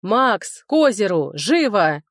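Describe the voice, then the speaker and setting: A woman's voice: medium pitch, very animated, slow, no room sound, studio quality. A woman voicing a furious male duke and mage, barking orders in a commanding voice. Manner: commanding, demanding.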